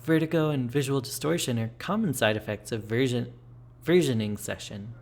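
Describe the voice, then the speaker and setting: A man's voice: mid-range voice, normal speed, creaky, a little mellow. A man voicing a polite, formal, procedural clinic attendant in a game. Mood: businesslike.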